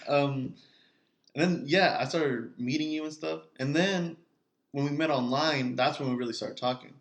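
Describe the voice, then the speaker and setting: Relaxed nineteen-year-old man telling stories. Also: on the high side, moderate pace. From California, USA. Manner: storytelling, relaxed, slangy. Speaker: podcast co-host. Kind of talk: casual chat.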